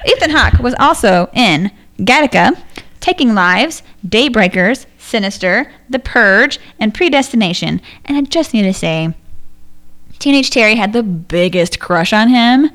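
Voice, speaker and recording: A woman's voice: on the high side, animated, measured pace, fairly bright tone. A woman co-hosting a podcast, chatting casually and laughing as she reads through a film's cast. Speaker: podcast co-host. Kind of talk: casual chat.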